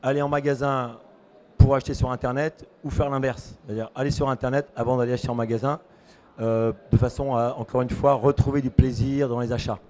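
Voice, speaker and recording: A man with a hoarse voice, a consultant speaking on a panel and explaining with many fillers. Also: medium pitch, little pitch movement, brisk, darkish tone. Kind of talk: panel discussion.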